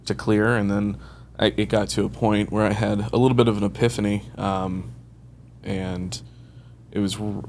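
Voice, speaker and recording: In a fairly low, dark-ish voice with little pitch movement, this early-thirties loan officer talks at normal speed about his career during a relaxed interview. He's a rambling storyteller who voices the dialogue he quotes and laughs a lot, with a faint hiss or hum underneath.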